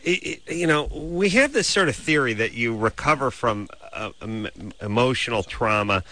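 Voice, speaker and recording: A man's voice: mid-range voice, animated, moderate pace, bright, forceful tone. A man hosting a casual radio call-in show, blunt and teasing with callers. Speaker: radio host.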